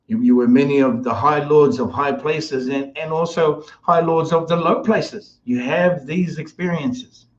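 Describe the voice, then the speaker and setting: A man's voice: on the high side, unhurried, few pauses, dull audio. Man from New giving a rambling spiritual talk. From New Zealand. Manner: meandering, repetitive, with many restarts and fillers. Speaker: spiritual guest speaker.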